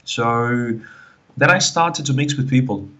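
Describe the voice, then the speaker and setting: A man from the Canary Islands, speaking with that Spanish accent, is a guest in a relaxed interview. He talks haltingly, plugging gaps with "like, you know," in a bright, forceful, medium-pitched voice. The recording quality is low.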